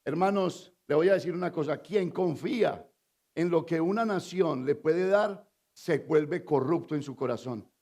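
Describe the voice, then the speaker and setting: A Colombian man with a Colombian Spanish accent preaches a sermon as a pastor at a measured pace. He quizzes the congregation in call-and-response style, asking them to fill in words, and swings between loud, emphatic lines and low, confiding asides.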